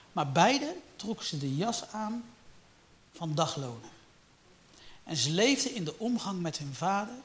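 A man preaching a sermon, swinging from loud emphatic peaks to low, quiet storytelling.

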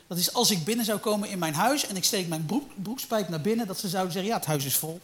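A man preaching a sermon, swinging from loud emphatic peaks to low, quiet storytelling. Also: fast talker, slight background noise.

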